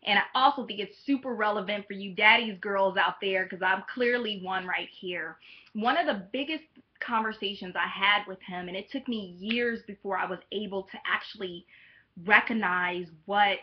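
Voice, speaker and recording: A woman in her thirties talking candidly to camera on her vlog, wandering off on tangents and pausing with soft ums. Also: mid-range voice, lo-fi sound. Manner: candid, rambling, drifts into tangents; soft-spoken and hesitant with frequent ums. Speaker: vlogger. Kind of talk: personal vlog talk to camera.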